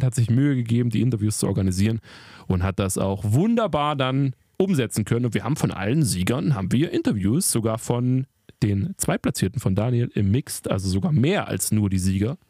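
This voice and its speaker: A man with a slightly husky voice, recorded dry and close. He co-hosts a casual podcast and needles his friends with mock-serious teasing. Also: mid-range voice, animated, brisk, warm tone, dry recording. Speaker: podcast co-host.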